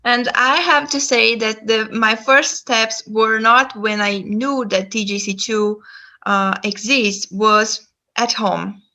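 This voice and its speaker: In a rough recording, a woman with a Brazilian Portuguese accent speaks English as a guest speaker delivering her testimony. Her voice leans high, pushed and bright, with a steady tone and slow pace. She's hesitant throughout, filling gaps with lots of "um" and "uh."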